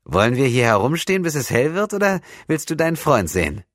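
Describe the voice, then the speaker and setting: A cheeky, wary lad, barely more than a boy, teasing with a raised, boyish pitch, as a male audiobook reader puts him on. He stays guarded and a little mocking. The sound is dry and close, as in a storybook recording. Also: very animated, fairly quick, dry recording, close to an everyday voice.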